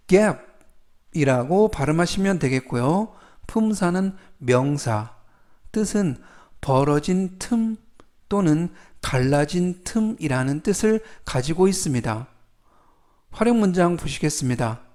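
A man's voice: a little high, expressive, darkish tone. A man teaching English vocabulary in a formal, polite way, repeating each word three times and explaining its meaning step by step. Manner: formal polite speech, stretches English words slowly. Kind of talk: slow, methodical vocabulary lesson.

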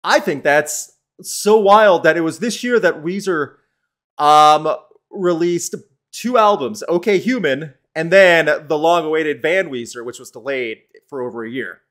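A man's voice: a little high, animated, measured pace, fairly bright tone. A man hosting a live-streamed podcast, talking in a chatty, opinionated way and answering the chat as he goes. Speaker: podcast host.

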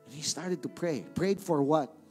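A man's voice: a little high, lively intonation, normal speed, a little mellow, soft background music. A male pastor with a Filipino accent preaching a sermon in a church, emphatic, repeating words and calling on the congregation to answer back.

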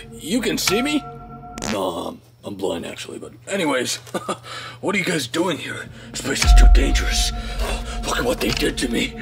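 A man's voice: mid-range voice, sing-song, normal speed, creaky. A man voicing a blind, battered dog toy creature who nervously warns others to run. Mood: fearful. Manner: urgent, pleading warnings, nervous laughs. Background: loud music.

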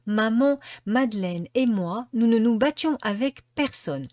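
A woman's voice: on the high side, animated, a little slow, a little mellow, no room sound, clean studio sound. A woman doing a kind, earnest little girl.

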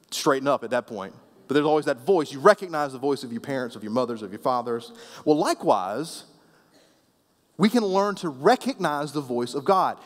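A man preaching a sermon as pastor, conversational and playful with the congregation, often dropping soft and low at the ends of phrases. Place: church sanctuary. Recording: long reverb of a church hall.

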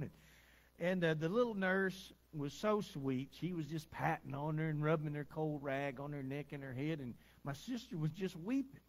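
A middle-aged man, preaching in a down-home, conversational way during a church service, telling stories with little chuckles. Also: a little high. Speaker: pastor. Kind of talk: folksy sermon storytelling.

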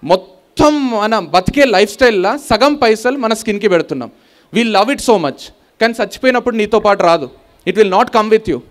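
High-pitched man with a Telangana accent. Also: moderate pace. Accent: Telangana Telugu. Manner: animated storyteller, switching between Telugu and English. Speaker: guest speaker. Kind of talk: motivational speech with a story. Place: school annual day event.

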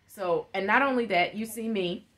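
A guest on a live webcam video call, a woman in her thirties sits in her living room giving an earnest motivational talk. Her voice is mid-range and a bit bright, and her pace is moderate. Frequent laughter and gestures accompany her words.

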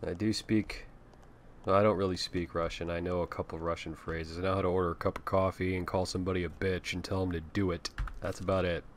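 Deep-voiced joking gaming host. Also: male voice, flat delivery, fast, a little hiss or hum. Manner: joking, profane, offhand. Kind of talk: casual let's-play commentary.

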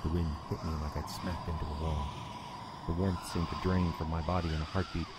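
An actor with an extremely low voice delivers flat, fairly quick first-person radio horror narration as an uneasy working man trapped in snow. The mood is brooding dread, dramatic and dark, with noisy storm ambience beneath him.

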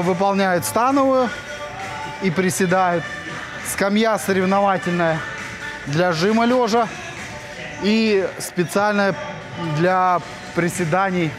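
Thirties male fitness vlogger, lightly high voice, eager chatty gym tour, music bed underneath. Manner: enthusiastic, chatty, hesitant fillers. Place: large indoor gym. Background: background music.

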